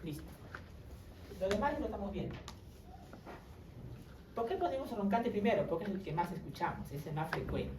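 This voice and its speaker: A woman with an animated, mid-range voice gives a medical lecture at a moderate pace, pausing often and checking in with students through short tag questions. She is recorded from some distance in a reverberant lecture room, with a faint hum underneath.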